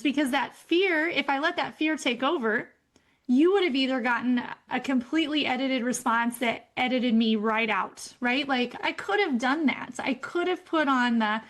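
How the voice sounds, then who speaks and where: A woman co-hosting a podcast, telling a personal story candidly and laughing often. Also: sits high. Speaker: co-host. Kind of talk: casual podcast chat.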